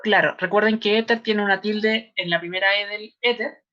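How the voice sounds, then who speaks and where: A woman with a Chilean accent teaches an online chemistry class. She talks patiently and spells terms out slowly for her students. The audio is a little dull and lo-fi. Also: mid-range voice, fairly even intonation, bright, forceful tone. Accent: Chilean Spanish. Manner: patient, repeats names slowly, addresses students.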